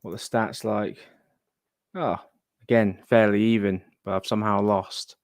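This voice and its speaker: A man's voice: fairly low pitch, little pitch movement, measured pace, dry recording, clean studio sound. A man chatting casually as host of a live gaming stream, thinking aloud and muttering asides to himself. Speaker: livestream host.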